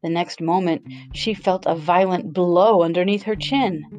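A woman narrating a children's story aloud in an expressive, storytelling way. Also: on the low side, unhurried, soft background music, rough recording.

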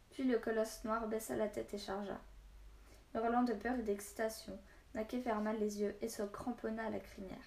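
Woman, storyteller, expressive read-aloud, mid pitch, roomy echo. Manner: steady, expressive reading with voiced dialogue. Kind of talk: reading a children's novel aloud.

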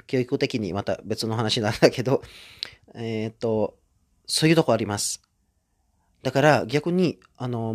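A man talks alone in a loose, casual monologue as the host of his own series, living in Japan as a foreigner. His voice sits at an ordinary middle pitch. He stumbles, restarts and fills gaps with drawn-out fillers, chuckling at his own slips. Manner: hesitant, many fillers and self-corrections; laughs often at himself.

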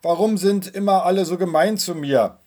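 A husky-voiced man playing a small, hot-tempered boy who whines and complains as he tells a story in a sermon. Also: on the high side, animated, a little slow, darkish tone. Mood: sulky complaint. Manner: complaining, pleading.

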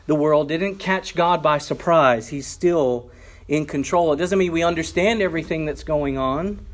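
A man's voice: a little high, moderate pace. A male pastor preaching a sermon, earnest and conversational, with emphatic rises when quoting scripture. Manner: conversational asides to the congregation.

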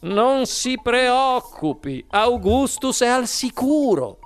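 A man's voice: very high voice, sing-song, slow pace, faint music behind, voice pushed up, full character voice. A man doing a breezy, unflappable candy maker. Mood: soothing. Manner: soothing, breezy, amused.

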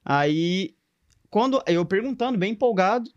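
A man's voice: high voice, animated, a little slow, clean tone, dry recording, lo-fi sound. A young man with a Minas Gerais accent, a tattoo artist telling stories in slangy, casual podcast chat. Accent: Minas Gerais Portuguese. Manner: slangy storytelling.

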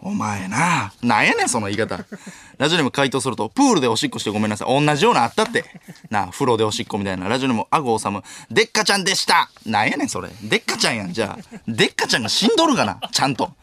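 Kansai man in his 20s hosting solo late-night radio, lively swinging delivery, quick comic comebacks. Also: medium pitch, no room sound. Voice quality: sharp comedic retorts, Kansai tsukkomi. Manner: rapid-fire reading and snapping back. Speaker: radio host reading listener mail. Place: radio studio. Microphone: studio microphone.

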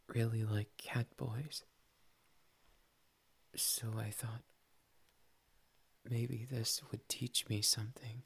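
A man's voice: medium pitch, husky, full character voice. A man voicing a shy, playful young male cat boy in a whispered ASMR roleplay, tender and teasing, slipping "nya" into his talk. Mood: wistful. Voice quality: soft whispery delivery.

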